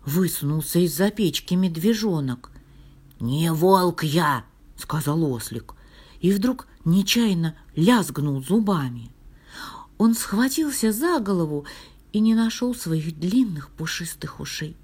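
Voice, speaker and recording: A woman reading a fairy tale aloud in a soft, half-whispered, expressive storytelling voice. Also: fairly low pitch, measured pace, husky.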